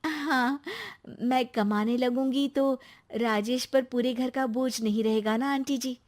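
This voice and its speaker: A woman voicing an earnest, trusting young wife in an animated story, quick to protest. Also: a little high, natural voice.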